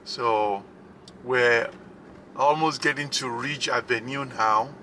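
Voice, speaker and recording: A man giving a casual, unscripted tour commentary from inside a moving car, speaking haltingly with frequent pauses. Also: mid-range voice, bright, forceful tone. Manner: halting, hesitant, pausing often. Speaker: vlogger, driving tour host. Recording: road and car noise. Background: faint vehicle noise.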